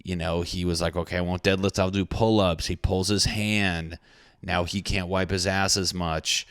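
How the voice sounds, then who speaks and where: A man's voice: deep voice, little pitch movement, normal speed, fairly bright tone, clear, resonant tone, no echo, studio quality. A man in his thirties hosting a solo podcast, talking in a rambling, crude, self-mocking way. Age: 30s. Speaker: podcast host. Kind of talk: casual solo podcast monologue.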